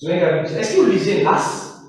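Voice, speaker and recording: High-voiced preacher in an echoey hall. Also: male voice, sing-song, measured pace. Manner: preaching with repeated phrases, mixing in English. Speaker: pastor. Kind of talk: sermon. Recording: echoey hall, distant mic, faint noise.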